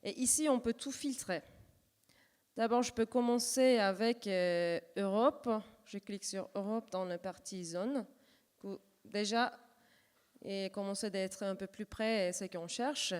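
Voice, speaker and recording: In a hall with long reverb, a woman presents a live software demo. Her voice is clear and smooth, with a Turkish accent from her native language. She speaks hesitantly, often searching for the next word as she improvises. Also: mid-range voice, unhurried. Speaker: workshop presenter.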